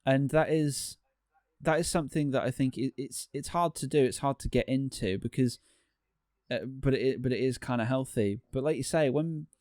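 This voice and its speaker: A man's voice: medium pitch, normal speed, a little mellow, dry recording, studio quality. A man, a podcast guest, talking in casual chat with many restarts and fillers.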